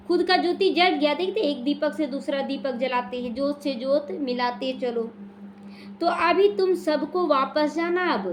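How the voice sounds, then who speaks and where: A woman's voice: high-pitched, slight background noise. A woman teaching a devotional class, explaining scripture and answering her own questions. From India. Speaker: spiritual teacher explaining the daily murli. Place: small prayer hall.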